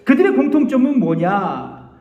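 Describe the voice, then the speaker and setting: Lively Korean pastor in an echoey hall. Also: male voice, very high voice, normal speed, dull audio. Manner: animated, leads the congregation in call-and-response. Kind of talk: sermon. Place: church sanctuary.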